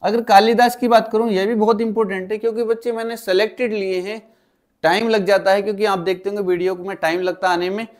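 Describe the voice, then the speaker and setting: A man's voice: high-pitched, level tone, quick pace. A male teacher giving an exam-prep spelling lesson, steadily explaining and calling his students "kids" again and again.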